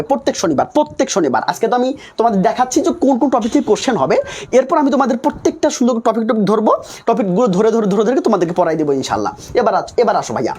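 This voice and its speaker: A man's voice: extremely high pitch, a little mellow, breathy edge. A young man teaching English for nursing exams in a live online class, coaxing students and repeating himself as he quizzes them.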